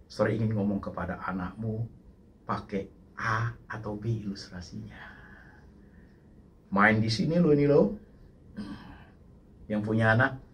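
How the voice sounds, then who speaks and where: Animated male preacher. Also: lowish voice, a little hiss or hum. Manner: animated, mixes in English words, addresses the congregation. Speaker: pastor. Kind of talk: sermon.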